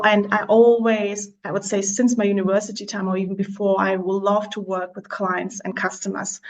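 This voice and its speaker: A woman's voice: medium pitch, rough recording. Chatty woman estate agent from Slovakia, casual interview talk, frequent fillers and self-corrections. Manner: chatty, many fillers and restarts.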